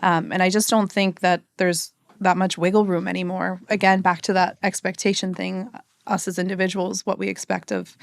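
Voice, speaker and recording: The speaker is a woman from the United States, a marketing executive in a casual podcast interview, whose fairly low voice shows little pitch movement and some vocal fry at normal speed. She thinks aloud conversationally, full of fillers and "right?" tags, in a dry, clean studio recording.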